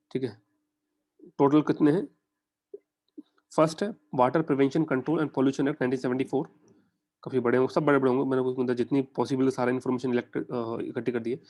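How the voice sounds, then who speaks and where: Indian guy teaching exam prep, talks quick, chatty, keeps asking the class stuff. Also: medium pitch, fairly even intonation, darkish tone. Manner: conversational, addresses students directly with quick questions. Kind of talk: online lecture in mixed Hindi and English.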